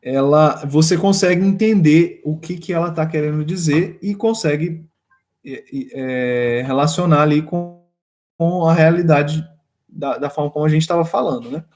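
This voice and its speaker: A man's voice: on the high side, normal speed, a little mellow, soft background music. Hesitant Brazilian-born male lecturer. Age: adult with a young daughter. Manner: hesitant, many fillers and restarts. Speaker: course instructor. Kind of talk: lecture on child education.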